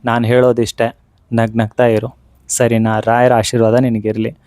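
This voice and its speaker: A man's voice: mid-range voice, flat delivery, normal speed, a little mellow, dry recording, clean studio sound. A man giving a devotional motivational talk, speaking earnestly and straight to the listener, and repeating phrases for emphasis. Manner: speaks directly to the listener as "you".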